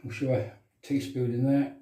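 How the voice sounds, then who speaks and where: A man's voice: medium pitch, little pitch movement, normal speed, dark tone. A middle-aged man with a County Durham accent chatting casually to live viewers in a matey, bantering way while demonstrating in a bathroom. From County Durham, England. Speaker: livestream host of a shaving show. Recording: roomy bathroom echo, distant microphone.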